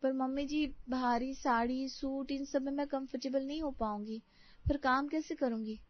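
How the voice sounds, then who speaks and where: A woman voicing a high, sharp-tongued young bride. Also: steady tone, moderate pace, natural voice. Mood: polite, annoyed. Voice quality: high, whiny complaining tone. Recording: dry, slightly dull recording.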